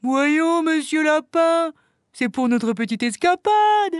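Woman voicing a calm, cheerful lady bear. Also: high voice, loud music behind the voice. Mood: easygoing. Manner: unhurried, easygoing, affectionate.

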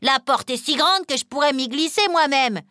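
A woman's voice: high voice, bright, forceful tone, dry recording, studio quality, voice pushed up. A woman voicing a cruel old child-eating witch in a storybook reading, barking orders and drawing out her words. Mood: scolding. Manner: barking orders, drawn-out gloating.

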